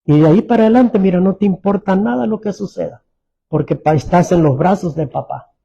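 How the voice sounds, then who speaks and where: A man preaching a sermon as pastor, Mexican Spanish accent, repeating phrases and dropping to soft, low tones for emphasis. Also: fairly quick, vocal fry, husky, muffled recording. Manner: repeats phrases, restarts words.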